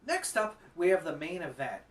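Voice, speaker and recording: A man's voice: on the high side, big pitch swings, normal speed, recorded from a distance. A man co-hosting a casual review chat about wrestling films, enthusiastic and conversational.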